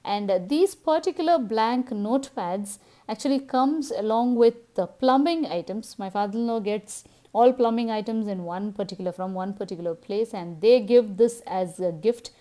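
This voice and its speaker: Female home vlogger, thirties, Tamil Indian accent, mid-pitched voice, casual narration. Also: normal speed, dark tone. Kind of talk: casual household vlog narration.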